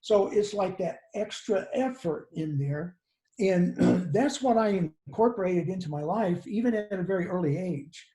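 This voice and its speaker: Older man, halting, mellow. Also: high-pitched, lively intonation. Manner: halting, many restarts and fillers. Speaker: guest. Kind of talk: casual chat on a video call. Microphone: video call. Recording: roomy video call audio.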